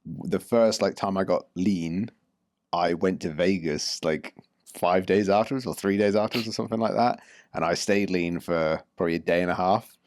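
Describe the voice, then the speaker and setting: A man's voice: low voice, a little mellow, no echo, studio quality. A man, a fitness coach, co-hosting a casual podcast chat and rambling with many restarts.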